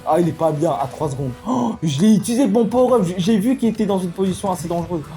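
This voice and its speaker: A gamer commenting live on an online match, excitable, swinging from low mutters to loud outbursts. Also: fast talker, faint music behind. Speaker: gaming commentator.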